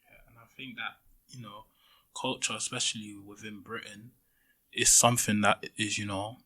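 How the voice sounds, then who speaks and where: A man's voice: on the low side, sharp tone. A teenage male student talking casually on a school podcast panel, with lots of "you know" fillers. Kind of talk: casual discussion.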